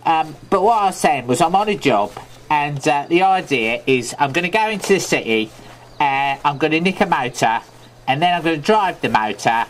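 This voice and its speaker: Lightly acting, a medium-pitched man with a London Cockney accent voices a daft, loveable Cockney thief during comedic gameplay commentary. He rambles in chatty, absurd, deadpan asides, and there's a little hiss or hum.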